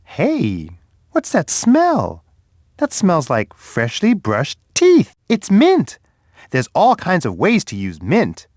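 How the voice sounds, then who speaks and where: A man voicing a big friendly bear who cheerfully guides children through an edutainment game, encouraging them with expressive, playful reactions. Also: high-pitched, slow, no room sound, full character voice. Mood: curious, delighted. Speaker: children's game character and storyteller.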